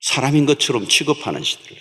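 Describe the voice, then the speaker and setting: A man's voice: medium pitch, big pitch swings, fast talker, fairly bright tone. A man preaching a sermon as pastor, emphatic and repeating key words for stress. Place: large church sanctuary. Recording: long church hall reverb.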